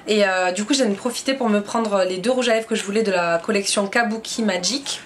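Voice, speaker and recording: A woman's voice: medium pitch, a little fast, slight background noise. A young woman with a French accent chatting to camera about her beauty shopping haul, enthusiastic and full of fillers. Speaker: beauty vlogger. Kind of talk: casual haul chat to camera.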